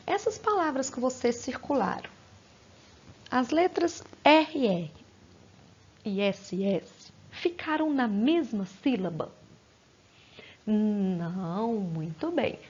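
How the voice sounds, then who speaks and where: A woman teaches young children in a recorded lesson, breaking words into syllables with slow, patient care. Her voice sits a little high with a husky edge. The recording sounds dull and lo-fi, like a home setup. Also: a little mellow.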